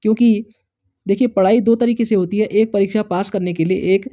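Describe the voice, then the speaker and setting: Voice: medium pitch, fairly even intonation, a little fast. Earnest teacher drilling spelling, dull audio. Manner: drilling, repeating each correct and wrong form; earnest, stressing exam importance. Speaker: Hindi teacher. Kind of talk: exam-prep spelling lesson.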